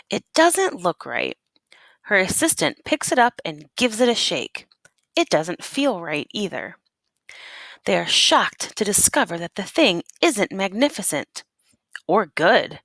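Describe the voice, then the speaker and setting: In a deliberate, teacherly reading of a children's storybook, a woman varies her pitch a great deal and gives key words dramatic emphasis, pausing to quiz her young audience. The recording is close and dry, with no room sound.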